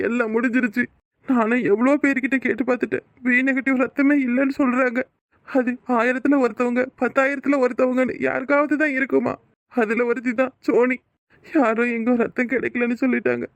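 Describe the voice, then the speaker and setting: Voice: medium pitch, no room sound, natural voice. A performer voicing a grieving young policeman husband in a cartoon, despairing and resigned. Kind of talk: cartoon voice acting.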